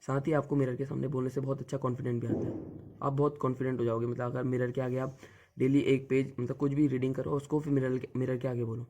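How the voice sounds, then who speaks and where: A man's voice: mid-range voice, flat delivery, fast talker, dark tone. A young man coaching viewers on group discussions in a casual, direct way, often repeating the same filler word. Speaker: exam coach giving tips. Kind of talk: casual spoken lesson.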